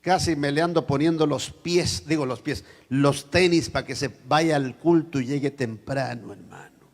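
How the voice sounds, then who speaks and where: A man preaching a sermon in church as pastor, swinging between loud shouted passages and quiet asides, acting out the voices he quotes. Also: fairly high pitch, normal speed.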